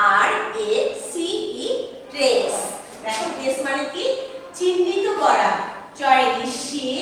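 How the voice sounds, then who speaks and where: High, bright woman teacher in an echoey room. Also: a little hiss or hum. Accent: Bangladeshi Bengali. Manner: spells words letter by letter, asks and answers her own questions. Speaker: primary school English teacher. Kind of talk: online class lesson at a whiteboard. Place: classroom with a whiteboard. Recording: echoey room, mic far off.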